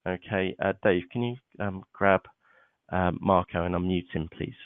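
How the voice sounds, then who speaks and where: A low-voiced man hosts a live online seminar over a tinny, phone-like web conference mic, his tone steady and his pace moderate in a dry recording. He's chatty, scattering "okay" and "uh" through his walkthrough.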